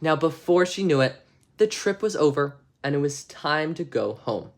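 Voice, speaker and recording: A man reads a children's bedtime story aloud at a moderate pace, narrating expressively with a widely varying pitch and dropping casual, chatty asides around the text. The recording carries a little hiss or hum.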